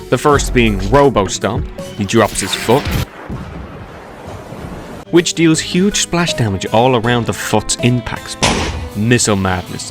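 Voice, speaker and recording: A man giving scripted commentary ranking video game characters, casual with jokey asides to the viewer. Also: medium pitch.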